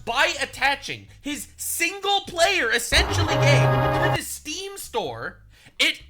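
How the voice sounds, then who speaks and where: A man delivers reaction commentary in a blunt, profane, animated way. His voice is very bright and sits high, swinging widely in pitch.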